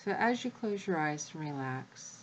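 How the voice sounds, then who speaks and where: A woman leading a guided spiritual energy activation as the guide, speaking in a measured way with long pauses between short phrases. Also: deep voice, expressive, a little hiss or hum.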